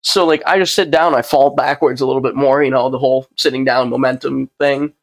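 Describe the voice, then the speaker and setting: A man's voice: medium pitch, steady tone, fairly quick, no room sound. A young man co-hosting a podcast, telling stories in a loose, casual way and swearing freely. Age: young adult. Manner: loose, profane storytelling. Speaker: podcast co-host. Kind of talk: casual chat.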